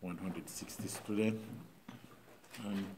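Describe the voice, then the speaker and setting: A middle-aged Haitian pastor with a Haitian accent, speaking informally to a church group in a halting way, with many pauses and fillers. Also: male voice, sits low, steady tone, background noise.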